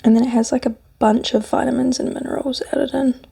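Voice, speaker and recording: A woman with a New Zealand accent softly whispers a breathy, musing ASMR food review while eating cereal. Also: high-pitched, little pitch movement, a little fast. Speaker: snack reviewer.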